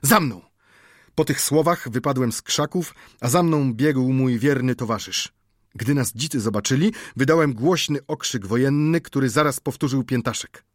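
A man reading an adventure novel aloud as an audiobook narrator, in a measured, dramatic storytelling manner. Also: medium pitch, no room sound, clean studio sound.

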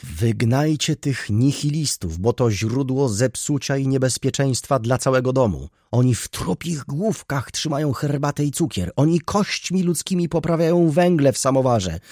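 A man's voice: on the low side, lively intonation, a little slow, a little mellow, slightly rough, no echo, clean studio sound, exaggerated voice. Man doing a wailing, melodramatic baroness. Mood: ranting. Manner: melodramatic, indignant, sobbing outbursts. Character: hysterical, self-righteous aristocratic baroness, middle-aged woman.

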